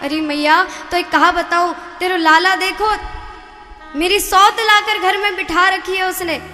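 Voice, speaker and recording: A woman's voice: very high-pitched, fairly even intonation, unhurried, bright, forceful tone, exaggerated voice. A woman voicing a jealous young wife who complains in agitation, with music behind her. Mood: upset. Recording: reverberant hall with music.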